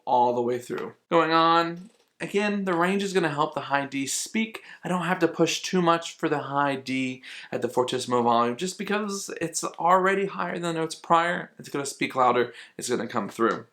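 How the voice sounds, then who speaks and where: A man's voice: a little high, lively intonation, moderate pace, a bit bright. A man teaching flute, explaining musical phrasing patiently and repeating key points for emphasis. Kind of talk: instructional explanation.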